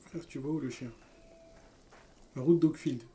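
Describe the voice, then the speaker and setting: A man casually commentating his gameplay, reading game text aloud in street slang, with sudden loud shouts of excitement. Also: a little high, a little slow, slight background noise. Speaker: let's play gamer.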